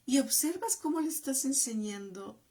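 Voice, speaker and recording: A middle-aged woman giving parenting advice in a slow, emphatic way. She repeats phrases and drops to a whisper to stress a point. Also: sits high, animated, warm tone, a little hiss or hum. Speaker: parenting educator and channel host. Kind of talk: parenting advice talk to the camera.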